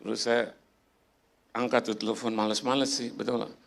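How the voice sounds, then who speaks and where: A man's voice: medium pitch, flat delivery, moderate pace, creaky. A middle-aged man preaching in a church, telling a personal story in a chatty way and acting out the voices of the people in it. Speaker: pastor. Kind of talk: sermon storytelling. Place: church hall.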